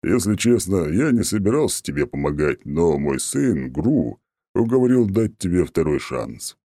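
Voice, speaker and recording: A man's voice: low voice, big pitch swings, normal speed, mellow, dry recording, clean studio sound, full character voice. A man voicing an arrogant ancient male oak god who talks down in a haughty, mocking way. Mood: smug, haughty.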